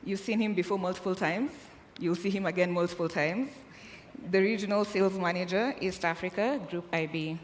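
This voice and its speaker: A woman's voice: lowish voice, brisk. A woman from Kenya moderating a live conference panel, friendly and joking as she talks to the audience. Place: large conference hall. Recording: long hall reverb, faint room noise.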